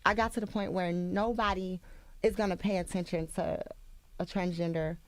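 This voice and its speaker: A young woman speaks as a guest in a radio studio, her voice sitting a bit low. She hesitates, restarts and backtracks defensively. The sound is close and dry. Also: fairly even intonation, normal speed, no echo. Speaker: interview guest. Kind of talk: radio interview.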